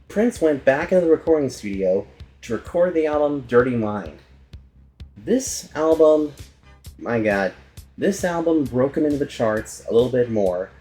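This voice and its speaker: A man hosting and narrating a casual documentary about a musician, chatty and quick to correct himself aloud. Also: mid-range voice, darkish tone. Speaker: host.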